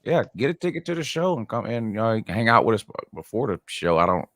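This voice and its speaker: A man's voice: fairly low pitch, sing-song, fast talker, a bit bright, no room sound. A man chatting casually as a guest on a video call, joking while making plans. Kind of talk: casual chat.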